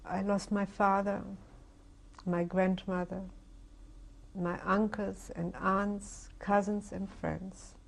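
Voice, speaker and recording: An older woman with a gravelly, slightly rough voice speaks in a reflective, halting way, often restarting her sentences. She gives her oral history testimony in an interview. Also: mid-range voice, level tone. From Germany. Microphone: interview recording.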